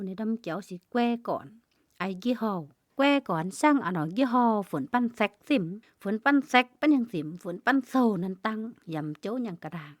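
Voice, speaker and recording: A woman's voice: a little high, no echo. Woman preaching in rhythmic repeated phrases. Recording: dull, dry lo-fi recording.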